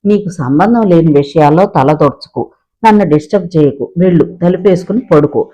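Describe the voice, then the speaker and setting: A man's voice: a little high, brisk, mellow, muffled recording, natural voice. A man voicing a stern, irritable man of about seventy who gives curt orders. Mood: irritated. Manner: curt, commanding.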